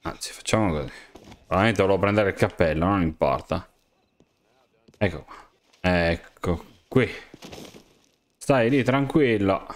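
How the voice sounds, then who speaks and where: Excitable man talking to game characters. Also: deep voice, measured pace, pauses often. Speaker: gamer. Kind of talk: game commentary, role-playing as himself.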